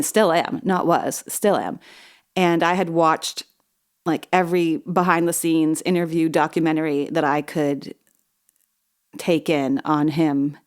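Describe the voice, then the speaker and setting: Woman podcast host, 30s, low-pitched, chatty and self-deprecating, a little wheezy. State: slightly wheezy from asthma. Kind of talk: solo storytelling podcast.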